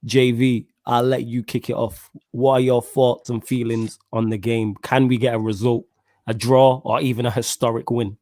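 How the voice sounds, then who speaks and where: Give the voice of a male podcast host with a London roadman accent and plenty of street slang. He chats casually about football in a mid-pitched voice. The sound is dry, with very little room echo. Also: level tone, moderate pace, a little mellow. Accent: London, roadman-style street slang. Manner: slangy street talk, addressing listeners and co-host.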